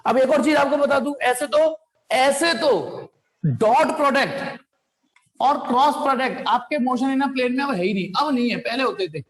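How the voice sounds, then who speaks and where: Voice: sits high, normal speed. A physics teacher giving an informal lecture, talking students through sums step by step and mixing in English technical terms. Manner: chatty, works sums aloud, calls students "beta".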